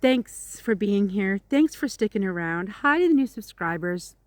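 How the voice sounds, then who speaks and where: A woman's voice: mid-range voice, animated, moderate pace, no echo. A middle-aged woman rambling casually to her viewers outdoors, in a chatty, informal way. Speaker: vlogger. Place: outdoors in the countryside.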